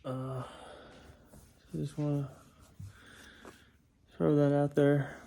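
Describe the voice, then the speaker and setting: A middle-aged man talking casually to a vlog in a drowsy, halting, unhurried way, with a dry mouth and some gum chewing. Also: a little high, flat delivery, creaky, dark tone, a little hiss or hum. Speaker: vlogger. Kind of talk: casual solo vlog, rambling personal talk.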